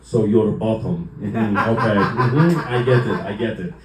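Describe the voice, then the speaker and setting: A man doing his blunt, deadpan old immigrant dad. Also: fairly low pitch, a little slow, a crowd in the background, natural voice. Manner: broken English, curt deadpan. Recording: echoey club from far off.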